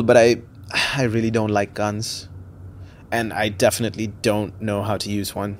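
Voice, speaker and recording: A man's voice: fairly low pitch, a little hiss or hum. A young man narrating in first person as the lead of an audio drama, chatty with wry, self-deprecating asides. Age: young adult.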